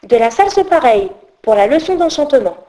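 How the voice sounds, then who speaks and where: A scatterbrained little fairy girl, as a woman reading a story puts her on. She chatters and mutters to herself in a fairly high, lively voice. She sounds cheeky and a bit lost. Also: brisk. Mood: bewildered.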